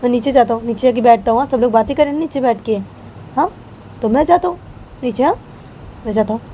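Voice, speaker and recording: A woman's voice: fairly high pitch, fast, dark tone, a little hiss or hum, voice pushed up, lightly acted. A woman voicing a young man, a cousin who keeps repeating himself insistently in a homemade story. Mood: apologetic. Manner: repetitive, insistent. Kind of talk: amateur storytelling voice acting.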